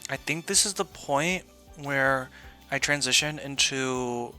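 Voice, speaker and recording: Man, game streamer, bright mid-pitched voice, story read-aloud, casual asides, light music behind. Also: slow pace. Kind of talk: reading game text aloud with casual commentary.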